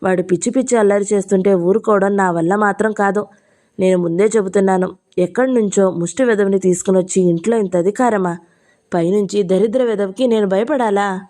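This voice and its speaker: A woman voicing a proud, sharp-tongued old grandmother who scolds in heated outbursts, in a Telugu audio novel. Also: mid-range voice, fairly even intonation, brisk, lightly acted. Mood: furious.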